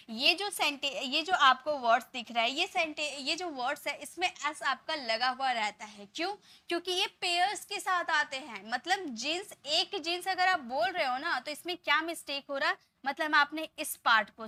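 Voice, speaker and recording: Woman English tutor, patient, repeats examples slowly; high, sharp, dry voice. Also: lively intonation, no echo. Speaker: English teacher. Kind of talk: Hindi-language grammar lesson.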